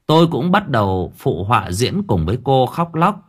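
A man narrating a story in a lively, wry storytelling manner. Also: medium pitch, moderate pace, breathy edge. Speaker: audiobook narrator.

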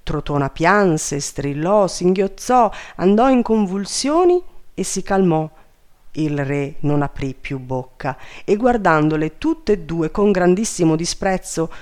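A narrator reading a fairy tale aloud in a measured, even manner. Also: mid-range voice.

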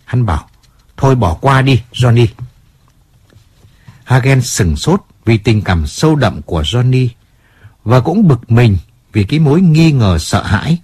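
Husky man reading an audiobook. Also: medium pitch, normal speed, no echo. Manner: expressive storytelling. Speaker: audiobook reader. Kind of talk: audiobook narration.

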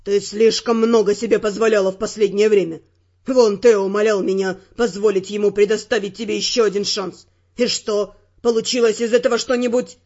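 A woman's voice: medium pitch, steady tone, brisk, a little mellow, dull audio, pitched below the performer's own voice, natural voice. A woman voicing a stern senior male spy who scolds harshly, in an audiobook reading. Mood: stern, angry.

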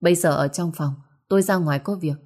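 A woman's voice: fairly low pitch, brisk, a little mellow, slightly rough. A woman voicing a firm, curt young man who speaks sharply and protectively. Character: young man, protective stern second son.

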